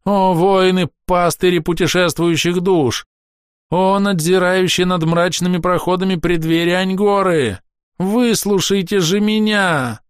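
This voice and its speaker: Man voicing shrill frantic elf sorcerer. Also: measured pace, no echo, studio quality, lightly acted. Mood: frantic invoking. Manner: shrill, declamatory wailing. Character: frantic pompous male elf sorcerer, pleading.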